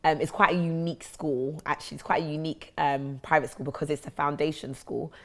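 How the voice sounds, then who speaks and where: Woman, deep voice, South London accent; interview guest recounting personal stories. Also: steady tone, fairly quick. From South London, England.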